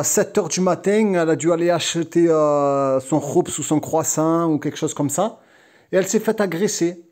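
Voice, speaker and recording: A man talks straight to his viewers in a heated monologue. His voice sits high for a man, and he repeats himself and restarts his sentences often. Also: a little mellow. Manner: agitated, repetitive, frequent restarts. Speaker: vlogger.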